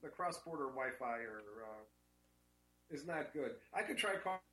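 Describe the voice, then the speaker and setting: A man's voice: fairly high pitch, expressive, normal speed, bright, forceful tone. A man co-hosting casually over an internet call, his voice hollow and echoey as if he were in a cave or tunnel, chatty and rambling. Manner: chatty and rambling, with some restarts. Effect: echoey call audio, like talking from a cave or tunnel. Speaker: co-host calling in remotely. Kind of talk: casual chat.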